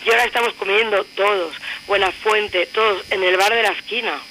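A woman's voice: medium pitch, steady tone, a little fast, sharp tone, a little hiss or hum, rough recording. A woman in her thirties speaking intensely on a radio show, asking many rhetorical questions. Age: 30s. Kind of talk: personal radio talk.

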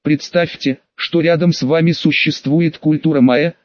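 A man voicing an easygoing young male wizard professor who explains things at length in a relaxed way, recorded dry and dull. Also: a little high, normal speed, no room sound, lightly acted. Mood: explaining.

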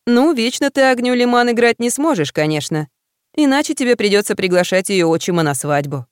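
A woman voicing a blunt young woman best friend who talks briskly and teases in a no-nonsense way, in an audiobook. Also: a little high, big pitch swings, clean tone, no echo, studio quality.

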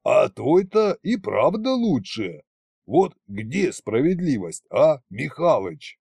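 A man voicing old Koshchei, a gruff, sly deathless king, with a husky, drawling, mocking delivery. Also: on the high side, sing-song, takes it slowly, a little mellow, dry recording, clean studio sound, heavily acted. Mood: wry. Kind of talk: audiobook character voice.

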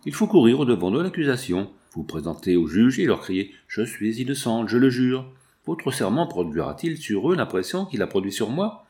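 A man reading the part of a kindly village priest, speaking in a calm, measured way. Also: mid-range voice. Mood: grave.

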